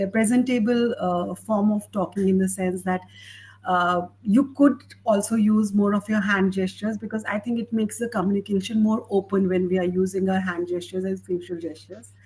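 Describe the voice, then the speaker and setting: A woman English tutor in a conversation, explaining speaking tips to a learner in a measured, advising way. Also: medium pitch, fairly even intonation, darkish tone, slightly rough, rough recording. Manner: measured, explanatory, gives advice. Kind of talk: teaching conversation.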